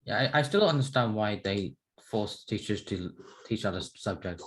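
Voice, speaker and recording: A man's voice: fairly low pitch, lively intonation, normal speed. A young man from Myanmar with a Burmese accent, chatting informally as a student and repeating words as he goes. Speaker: English student. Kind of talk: casual class discussion.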